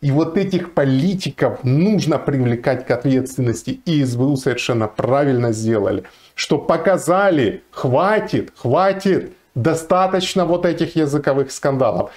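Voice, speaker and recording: A lawyer from Ukraine, in his forties, argues his case earnestly and emphatically to a fixed camera while sitting in a small room, using many fillers. He talks at normal speed with few pauses, in a darkish voice on the high side.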